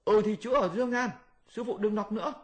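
A man voicing a boastful, mischievous male monkey king with a shrill, bossy, teasing manner in an audiobook. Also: steady tone, fast, natural voice. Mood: pleading. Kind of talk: audiobook character voice.

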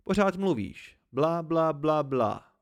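A calm, terse foreign warrior, voiced by a man in short, broken phrases. The delivery is even and gravelly, as in an audiobook reading. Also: a little high. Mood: flat. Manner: halting broken speech, even.

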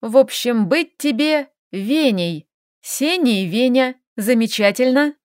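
A woman voicing a stubborn, feisty young heroine who bickers and exclaims in quick, sharp lines, read from an audiobook. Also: on the high side, lively intonation, no room sound, clean studio sound.

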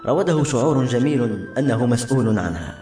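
Fast male novel narrator, echoey room, faint music underneath. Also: mid-range voice. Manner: brisk, steady storytelling. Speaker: audiobook narrator. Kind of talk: scripted narration.

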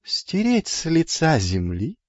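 A man voicing a calm, sly trickster god in disguise who speaks in a hushed, unhurried, teasing way. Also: medium pitch, husky, no room sound, muffled recording, heavily acted. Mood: mocking.

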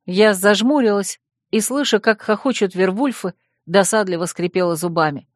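An audiobook narrator reads in a measured, expressive manner, with a mid-range voice. The sound is dry and close, recorded on a studio mic. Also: medium pitch, no echo.

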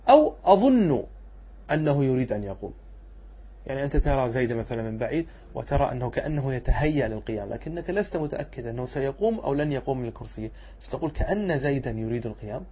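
A male scholar teaches a class, posing questions and answering them himself while drawing out his examples slowly. His voice is husky and of middle pitch. The recording is dull and lo-fi. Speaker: Islamic scholar teaching rhetoric. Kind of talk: classroom lesson explaining a poem.

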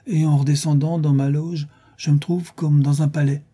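A man's voice: a little high, little pitch movement, normal speed, dark tone, slightly rough, voice pushed up. A man voicing a nosy, self-important old male porter who talks in a prim, fussy way. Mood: gossipy. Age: older.

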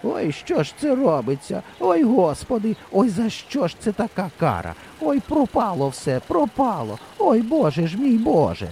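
A man's voice: sits high, wildly swooping pitch, normal speed, gravelly, few pauses, warm tone, a little hiss or hum, voice pushed up, full character voice. A man reading an audiobook voices an old village woman who keens and laments in despair. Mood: wailing. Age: over 60. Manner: keening, sobbing lament.

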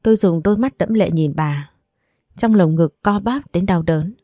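A woman narrating a first-person story in an emotional, measured way. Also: on the low side, mellow, no echo, studio quality.

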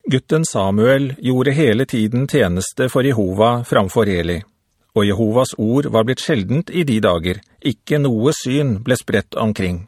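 A man reading scripture aloud as a measured, steady audiobook narrator. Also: medium pitch, dry recording, studio quality. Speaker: Bible reader.

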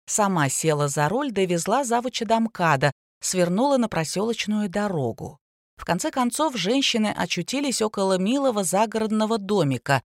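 A woman narrating an audiobook in a steady, expressive storytelling manner. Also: fairly low pitch, no room sound, studio quality. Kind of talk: scripted narration.

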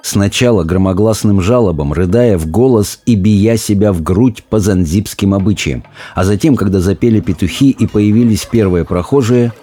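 A man narrating a fantasy novel as an audiobook reader, in steady storytelling that slows and sinks low at grim moments.

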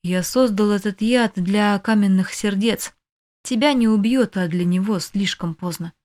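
A grave male sorcerer from an audiobook, quiet and measured as he speaks, voiced by a woman narrator in her own mid-pitched voice. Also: lightly acted. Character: calm male sorcerer serving vampires.

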